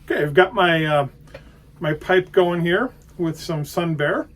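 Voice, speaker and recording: A man giving a casual, unscripted tobacco review, hesitant and halting as he thinks aloud. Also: on the high side.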